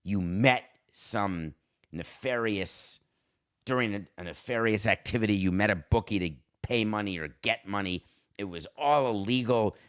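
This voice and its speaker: A sports talk podcast host runs a solo show, offering opinionated commentary that is emphatic, sardonic and full of rhetorical questions. His voice sits on the low side, with a fairly bright, clean tone.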